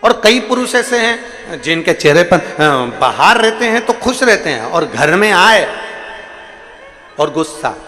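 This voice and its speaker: A man's voice: sits high, big pitch swings, unhurried, sharp tone, long reverb tail, soft background music. A man giving a devotional sermon, telling stories, acting out their voices and repeating lines for emphasis. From India. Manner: storytelling preacher, acts out voices in anecdotes, repeats lines for emphasis. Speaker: kathavachak preacher.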